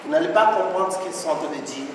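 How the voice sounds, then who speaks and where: A man's voice: a little high, fast, background noise. Joking male emcee at a live show. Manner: joking, teasing banter with the audience. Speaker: master of ceremonies. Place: stage at an evening show. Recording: echoey hall, far mic, loud crowd.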